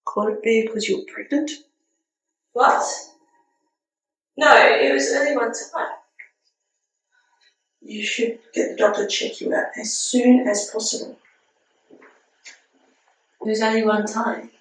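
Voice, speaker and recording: A very echoey, slightly distant recording of a young woman in a romantic melodrama. Her voice sits a little high, in dramatic screen style. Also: fairly even intonation, slow pace, pauses often. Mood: concerned, uneasy. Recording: echoey room, distant mic.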